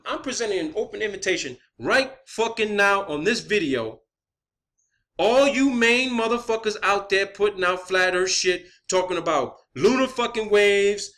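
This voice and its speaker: A man with a high-sitting, pushed, bright voice delivers a blunt, confrontational rant full of profanity as an online video creator, speaking to the camera or his viewers.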